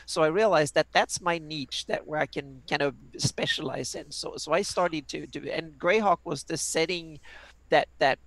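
A Swedish woman in her fifties with a Swedish accent chats casually on a video call as a guest player on a game stream, repeating words as she restarts. Her voice is low and her speed normal, captured in a rough recording with no echo.

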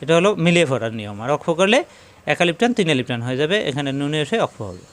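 A man teaching recitation, explaining slowly and then chanting verses in a drawn-out style. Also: a little high, sing-song. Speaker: Quran teacher. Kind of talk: recitation lesson.

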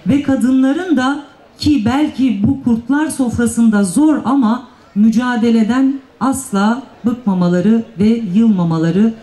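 A woman's voice: mid-range voice, warm tone. Woman speaking earnestly at a podium microphone. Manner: earnest, emphatic speechmaking with drawn-out stresses. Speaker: mayor on a panel. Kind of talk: formal public speech. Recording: echoey public address sound.

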